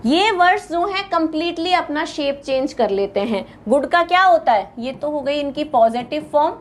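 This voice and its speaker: A woman with an Indian accent teaching English grammar in a patient classroom lecture, repeating word lists slowly and calling her students "beta". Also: high-pitched, expressive.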